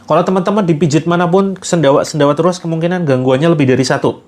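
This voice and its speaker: A man's voice: fairly high pitch, fast, a little mellow. Coaxing man leading healing prayers. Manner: coaxing, repetitive, leads viewers line by line in prayer. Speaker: ruqyah therapist leading a live session. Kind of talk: live spiritual healing session, guiding prayers.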